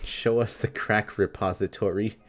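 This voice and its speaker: Streamer, man in his twenties, low-leaning voice, wry and rambling while answering chat live. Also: steady tone, moderate pace, faint music behind. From New York. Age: 20s. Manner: wry, rambling, reads chat aloud and reacts.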